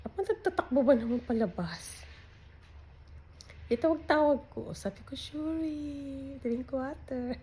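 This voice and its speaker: A woman chats in a slow, unhurried way at home, her voice dark and gravelly. She keeps her talk hushed and slips into half-whispers. She laughs often. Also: medium pitch, slight background noise. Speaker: vlogger. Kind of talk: casual vlog chat.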